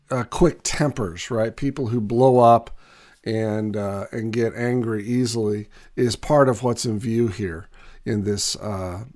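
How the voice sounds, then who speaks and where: Still hoarse and raspy after a recent cold, this man leads a casual video lesson walking business owners through Bible passages. He speaks at a medium pitch with a slightly mellow quality, frequently restarting sentences and leaning on fillers.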